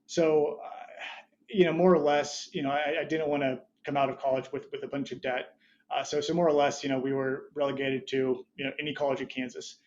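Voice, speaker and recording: A man's voice: mid-range voice, level tone, fairly quick, darkish tone, highs cut off. A man in his thirties, a startup founder talking as a podcast guest, rambling with many restarts and short laughs. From Budapest, Hungary, raised there as an American. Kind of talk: casual interview chat.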